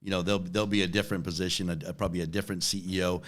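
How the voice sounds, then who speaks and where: Very fast and deep, with little pitch movement, this forties-aged company head talks through interview questions conversationally. He repeats words and keeps asking "right?"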